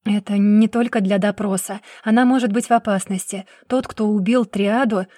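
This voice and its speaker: A woman voicing a stern male investigator who speaks in clipped, measured phrases. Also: mid-range voice, fairly even intonation, mellow, no echo, studio quality, lightly acted. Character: stern growling male investigator, cold and logical.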